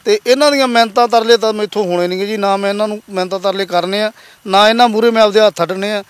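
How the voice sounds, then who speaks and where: A man's voice: high voice, steady tone, racing, clean tone, no room sound. A man from Punjab, a laborer and father, telling his story in an interview in an earnest, polite and emotional way.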